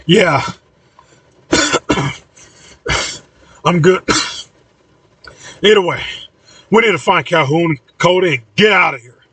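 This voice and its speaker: A bold, tough young woman, as a man puts her on in a storybook reading, pitched up and urgent, shouting through danger. The husky voice sits a bit off the mic. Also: fast, no room sound, recorded from a distance.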